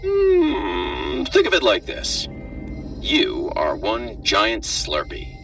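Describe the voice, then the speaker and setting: A man in full character voice plays a callous, flippant government doctor in a hazmat suit in a horror story, sounding smug, robotic, and muffled through the suit. His mid-range, gravelly, slightly bright voice is pushed up, with huge pitch swings and drawn-out words, delivered matter-of-factly with dark jokes. The mic is distant, with faint music behind.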